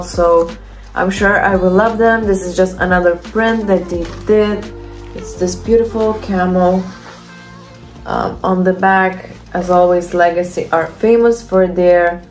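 A young woman, a fitness coach, talks through a try-on haul in her bedroom, speaking straight to the camera. Her English is that of a Lithuanian native speaker, chatty and enthusiastic, and she often restarts her sentences. Faint music plays behind her, and her voice sits at a middle pitch. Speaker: fitness coach reviewing gym clothes. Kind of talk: casual try-on haul talk. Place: bedroom at home.

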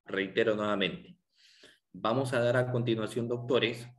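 A man's voice: medium pitch, steady tone, measured pace, fairly bright tone. Brief: male law lecturer, rhetorical questions, frequent tag questions. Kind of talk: online lecture to lawyers.

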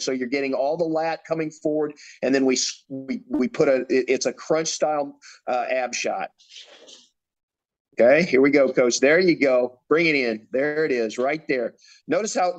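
A man with a somewhat high voice leads a posing lesson for bodybuilders. He gives short, direct cues and often repeats them. He talks like a coach guiding an athlete through each pose. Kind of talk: instructional demonstration.

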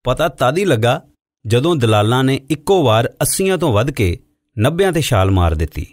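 A man narrating a novel in a steady storytelling voice, recorded in a studio. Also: medium pitch, normal speed, no echo. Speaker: audiobook narrator. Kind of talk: scripted narration.

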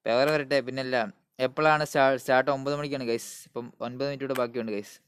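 A man's voice: mid-range voice, steady tone, fast talker, clear, resonant tone. A man with a Malayali accent hosting a casual gaming live stream, calling out greetings and hype to viewers and mixing English words into Malayalam.

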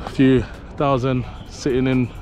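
A man rambles through a casual walk-and-talk vlog outdoors on a city street, filling his talk with ums and side remarks. His voice sits at an ordinary pitch for a man, and loud music plays behind him. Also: little pitch movement, unhurried. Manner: rambling, chatty, many fillers. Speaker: vlogger.

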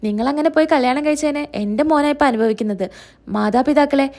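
A woman's voice: high-pitched, quick pace, a little mellow. A woman voicing a stern grandmother who scolds her family in a reproachful way. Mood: scolding.

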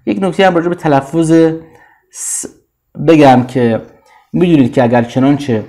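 A Persian-speaking man teaching English vocabulary. He says each word slowly, repeats it several times, and then explains it. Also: on the high side, mellow. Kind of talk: slow vocabulary drill with repetition.

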